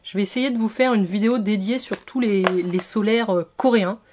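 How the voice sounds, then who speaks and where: A woman's voice: medium pitch, a little fast, darkish tone, slight background noise. A woman vlogger unboxing and reviewing skincare products, talking chattily and listing details in short bursts. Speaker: beauty vlogger.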